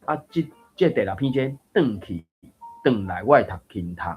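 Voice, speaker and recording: A man's voice: mid-range voice, lively intonation, normal speed, highs cut off, faint music behind. A man giving a casual lesson on reading aloud, thinking aloud with many fillers and restarts. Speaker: Taiwanese reading coach.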